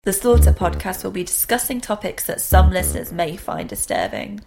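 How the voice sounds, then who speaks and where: Podcast woman, lots of vocal fry, voice swings up and down, casual banter. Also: lowish voice, wildly swooping pitch, normal speed, music in the background. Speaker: podcast co-host.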